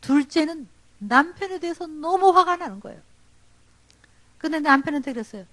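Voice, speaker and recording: A middle-aged woman pastor giving a storytelling sermon at a church service, animated and acting out the dialogue in her stories. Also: sits high, normal speed, dry recording.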